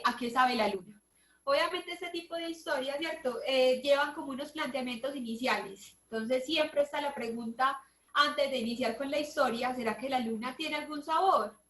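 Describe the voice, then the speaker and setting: A woman teacher leading an online workshop, reading a picture book aloud with lively expression and asking her listeners questions. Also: high voice, reverberant. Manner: expressive storybook reading, asks the audience questions.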